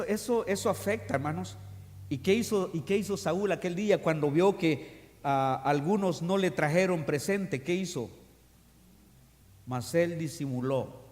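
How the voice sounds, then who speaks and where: A man, a pastor, preaching a sermon to his congregation during an evening service, reading scripture aloud and speaking to them directly. He swings between loud proclamations and quiet, confiding asides. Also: fairly high pitch. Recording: long reverb of a church hall.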